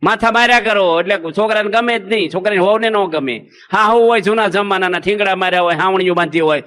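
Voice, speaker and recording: Monk w/ giving a sermon, high bright voice, chatty storytelling. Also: male voice, fast talker, clear, resonant tone. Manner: folksy storytelling with rhetorical questions.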